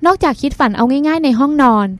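A woman's voice: high voice, fast, dry recording, lightly acted. A woman doing a wry older sister. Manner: dry, probing, lecturing.

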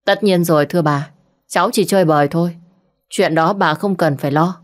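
A woman's voice: lowish voice, brisk, lightly acted. Curt young heir, dismissive storybook figure, voiced by a woman.

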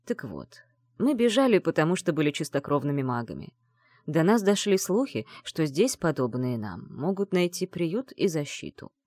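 A loving old grandfather tells a painful family story with quiet sorrow, voiced by a woman reading an audiobook. The delivery is low yet swings widely in pitch. The sound is close and dry, with no room around it. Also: sing-song, normal speed, no echo. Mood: sad, tender.

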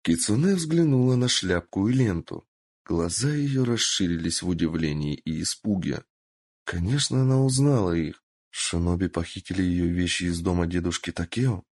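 A man narrating a dark fantasy audiobook in an expressive storytelling manner. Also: sits low, moderate pace, slightly rough. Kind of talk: dramatic fiction narration.

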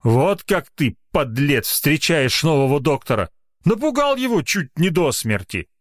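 A man's voice: a little high, big pitch swings, a little slow, dry recording, clean studio sound, voice pushed up. Ironic, stern country chief doctor voiced by a man, middle-aged; audiobook character. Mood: scolding. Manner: ironic, scolding.

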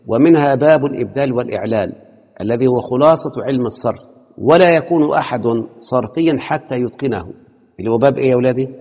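Fast-talking Egyptian teacher, husky voice. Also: male voice, mid-range voice. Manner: quizzes students with rhetorical questions; mixes formal Arabic with colloquial asides. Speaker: teacher of Arabic morphology. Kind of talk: classroom lecture explaining a text. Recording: dull, echoey hall.

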